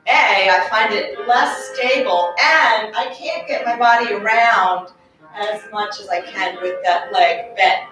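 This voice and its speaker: A woman's voice: medium pitch, takes it slowly, recorded from a distance. A woman fitness instructor leading an exercise class in a carpeted studio, cueing moves while exercising and slightly out of breath. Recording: very echoey room, voice off-mic, faint music.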